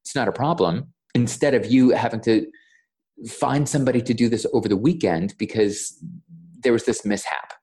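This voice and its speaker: A man's voice: mid-range voice, moderate pace, a little mellow. A man, a voiceover coach, chatting as a podcast guest and retelling a mishap with lots of stammers and quoted dialogue. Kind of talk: casual interview storytelling.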